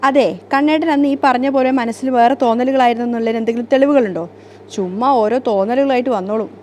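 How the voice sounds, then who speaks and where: A woman voicing a jealous, sharp-tongued young wife in a retold story, with quick, indignant retorts. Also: a little high, a little hiss or hum, lightly acted.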